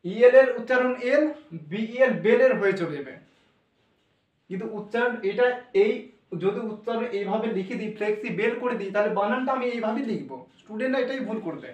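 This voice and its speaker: High-voiced man teaching, echoey room. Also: expressive, fairly quick, a little mellow, recorded from a distance, lo-fi sound. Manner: patient, step-by-step explaining with questions to students. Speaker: English pronunciation teacher. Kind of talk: explanatory classroom lesson.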